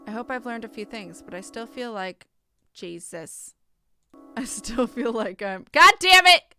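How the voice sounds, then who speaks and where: Over game music, a woman with a somewhat high voice speaks a little slowly while streaming a game live. She gives the story text an expressive reading, then breaks into casual chatter and self-interrupting reactions.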